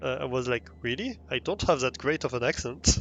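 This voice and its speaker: A man's voice: medium pitch, fairly even intonation, fairly quick, a bit bright, dull audio, slight background noise. A young man with a French accent, streaming a game live and chatting with viewers, hesitant with many fillers and restarts. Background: faint music.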